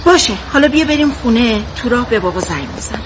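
A woman's voice: fairly high pitch, expressive, noisy background, close to an everyday voice. An actress playing a nagging, exasperated daughter who pesters her brother and parents. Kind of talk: family drama acting.

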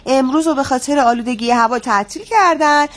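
A woman's voice: sits high, noisy background, close to an everyday voice. An actress playing a young adult daughter who lectures her parents like an expert. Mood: preachy. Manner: lecturing, preachy. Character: adult daughter, preachy self-styled expert.

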